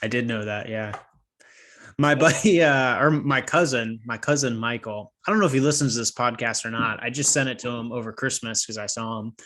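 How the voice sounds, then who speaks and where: In a casual podcast chat, the male co-host rambles and loses track of what he was saying. He talks a little fast in a mid-range, slightly nasal voice with a fairly bright tone.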